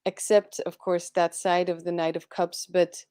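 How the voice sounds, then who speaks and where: A woman's voice: on the low side, flat delivery, a little slow, mellow, smooth, no room sound, studio quality. A woman speaking English as a second language, co-hosting a tarot live stream in a chatty way, laughing often. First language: not English. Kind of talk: casual chat.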